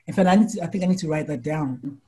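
This fast-talking woman, in her forties or older, is a doctor and life coach from the United States. Chatting casually in an interview, she spins animated stories and performs quotes as high exclamations.

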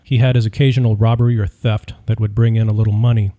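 Man narrating, audiobook, very dark voice, measured, even. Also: fairly low pitch. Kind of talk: scripted narration.

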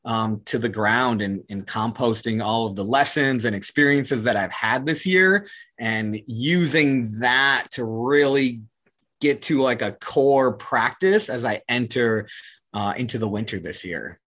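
A man speaking as a podcast guest in a relaxed, laid-back way, often saying "like". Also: mid-range voice, measured pace. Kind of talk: casual conversation.

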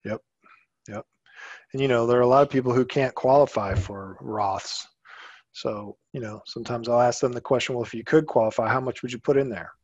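A man co-hosting a finance podcast, explaining in a casual way, often trailing off quietly and saying "you know". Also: medium pitch, a little fast, no echo, highs cut off. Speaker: podcast co-host.

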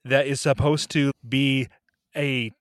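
A man's voice: mid-range voice, slow, no room sound, clean studio sound. A man discussing a movie in casual chat, wry and critical, steering the talk with questions. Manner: animated, wry, critical, puts on quoted voices.

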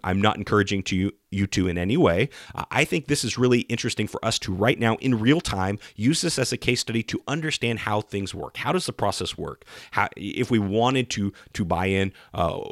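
A sick male podcast host with a groggy, lowish voice that rambles through an explanation and doubles back on itself. The sound is close and dry, with hardly any room around it. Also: vocal fry, no echo. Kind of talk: podcast intro and interview questions.

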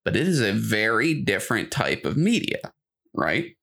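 A man co-hosting a podcast talks casually and shares informal opinions. His fairly low voice swings widely in pitch, carries vocal fry, sounds a bit bright, and moves at normal speed.

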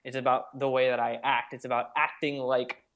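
Brisk and a bit bright, with a level tone at medium pitch, this young man is a podcast guest sharing a personal story. He tells it earnestly in casual conversation, rambling and leaning heavily on "like" as a filler.

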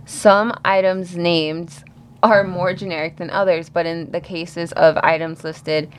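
A woman's voice: on the low side, little pitch movement, unhurried, a little hiss or hum, poor audio. A woman co-hosting a conversation in a casual, conversational style. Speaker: podcast co-host.

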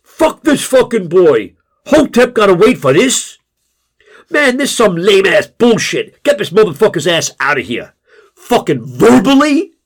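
A man doing an outraged, yelling male group member. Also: high-pitched, big pitch swings, unhurried, slightly rough, pitched above the performer's own voice, full character voice. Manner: yelling, profane.

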